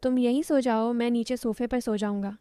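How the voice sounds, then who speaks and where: A teasing, protective young man in a romantic audio story, voiced by a woman narrator. The voice sits a little high and mellow, and it is recorded close and dry. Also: fairly even intonation, normal speed, clear, resonant tone, no room sound, lightly acted. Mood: tender.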